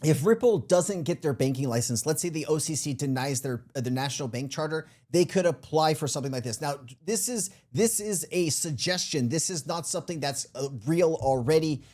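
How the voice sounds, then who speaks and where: In a fairly high, slightly mellow voice, a crypto show host briskly comments on played clips, barely pausing, and speaks informally to the "guys" watching. A sore throat has him feeling unwell and makes his voice slightly thick.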